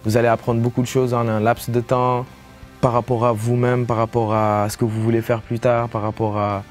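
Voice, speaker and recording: A young man from Senegal speaks as a student in a casual testimonial, his tone warm and mellow. He talks easily and drops casual fillers as he goes. Soft music plays faintly behind him. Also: medium pitch, level tone, normal speed.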